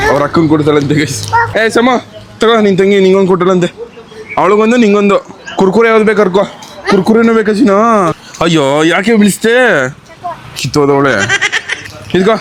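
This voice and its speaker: A man's voice: high voice, fairly quick, pauses often. A young man with a Kannada accent, chatting casually in a vlog, teasing and coaxing a crying little girl. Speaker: vlogger. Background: crowd chatter.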